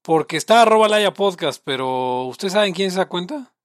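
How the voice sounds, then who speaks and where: A Mexican man hosting a casual podcast, chatty and loose as he riffs on listener questions. His voice sits a little high and sounds close and dry. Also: lively intonation, brisk, no room sound. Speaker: podcast host. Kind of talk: casual chat.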